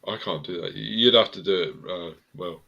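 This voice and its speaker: A man's voice: low voice, moderate pace, gravelly, bright, forceful tone, dull audio. A man hosting a casual live stream from home, joking around and laughing often. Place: home room near a staircase.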